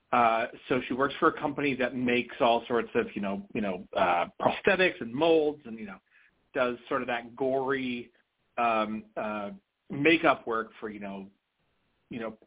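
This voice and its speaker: A man's voice: medium pitch, lively intonation, moderate pace, husky. An American man chatting casually as a podcast guest over the phone, telling stories with chatty emphasis. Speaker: podcast guest, convention organiser. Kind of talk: casual phone interview chat. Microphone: phone call. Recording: tinny live phone line.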